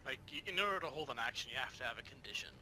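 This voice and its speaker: A man's voice: lively intonation, very fast, bright, forceful tone. A man playing a tabletop game, chatting casually about rules and his character's moves, recorded with noise. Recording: noisy room with low rumble.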